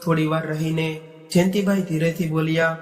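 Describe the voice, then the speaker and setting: A man narrating a moral story in a steady, unhurried way. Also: on the high side. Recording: echoey, reverberant room with faint music. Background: faint background music.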